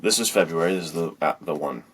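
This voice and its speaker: A writer co-hosting a book podcast talks in a casual, slangy, hyped style, heaping emphatic praise on books. His voice is low and fast, and the background is noisy.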